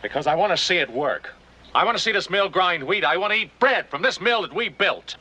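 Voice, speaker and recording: An actor playing a determined, commanding brother in a western drama, insistently giving orders. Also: male voice, high voice, animated, brisk, sharp tone, husky, exaggerated voice. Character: determined, commanding elder brother building a frontier mill. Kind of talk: period western television drama acting.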